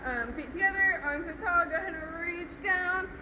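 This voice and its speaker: A woman with a high voice instructs a gymnastics stretching class on a live stream. She is casual and encouraging as she gives directions and counts. The recording has clear background noise. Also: moderate pace, echoey room. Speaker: gymnastics coach. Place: gym floor with fans. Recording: noisy live-stream audio with steady background hum.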